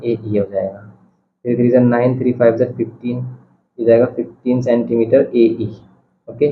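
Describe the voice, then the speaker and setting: Reassuring male math teacher, roomy recording. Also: mid-range voice. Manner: reassuring, repeats key steps aloud. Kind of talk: board-exam math lesson. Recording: dull, slightly roomy with faint hiss.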